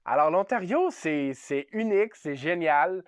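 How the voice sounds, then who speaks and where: A man's voice: a little high, expressive, a little slow, clean tone, dry recording, clean studio sound. A man from Ontario with a Franco-Ontarian French accent, hosting a casual, upbeat vlog and mixing English words into his French. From Ontario, Canada. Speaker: channel host.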